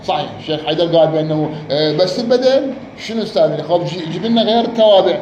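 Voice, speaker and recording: High-voiced man teaching grammar. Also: animated, very fast, warm tone, lo-fi sound. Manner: repeats words, quizzes the student. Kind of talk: Arabic grammar lesson, question and answer. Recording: echoey room, faint noise.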